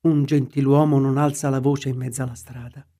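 A man voicing a composed, courteous middle-aged lawyer in a measured tone. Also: medium pitch, level tone, mellow, natural voice. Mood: calm.

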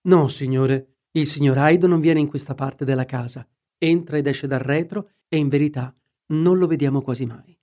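A man's voice: a little high, normal speed, dark tone, lightly acted. A man voicing an old, respectful male butler who answers plainly. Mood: deferential.

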